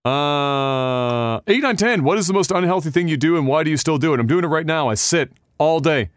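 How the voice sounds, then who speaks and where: Smooth-voiced man in his thirties. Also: on the high side, moderate pace, no echo, clean studio sound. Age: 30s. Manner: relaxed, swears, reads viewer questions aloud. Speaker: podcast co-host. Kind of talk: casual chat.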